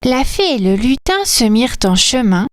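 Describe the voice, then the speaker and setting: A woman reading a children's Christmas story aloud in a clear, gentle manner. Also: fairly high pitch, sing-song, normal speed, no room sound, clean studio sound.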